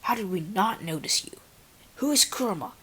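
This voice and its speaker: Husky-voiced woman reading a fan story. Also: medium pitch, lively intonation, a bit bright. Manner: halting reading with casual asides to viewers. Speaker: story reader and channel owner. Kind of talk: reading first-person fan fiction aloud.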